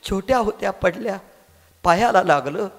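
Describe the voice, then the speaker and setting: A man's voice: high voice, lively intonation, normal speed. A male devotional preacher telling a saint's story with strong emotion and drama. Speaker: kirtan preacher. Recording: echoey hall with faint music.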